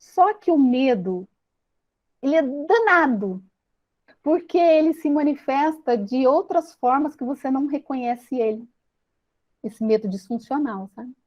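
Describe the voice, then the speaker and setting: Brazilian woman, high voice, earnest confessional teaching talk, slightly dull lo-fi recording. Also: lively intonation. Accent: Brazilian Portuguese. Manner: earnest, confessional, with restarts and tender pauses. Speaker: speaker of a self-help talk. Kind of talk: personal teaching talk to an audience.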